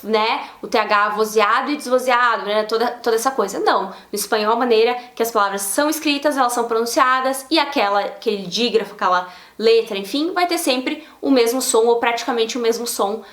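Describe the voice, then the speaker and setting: Lady teaching spanish sounds, chatty and lively, bit of room echo. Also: on the high side, fairly quick, few pauses. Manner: lively, explanatory, demonstrates pronunciations. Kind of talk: casual video lesson.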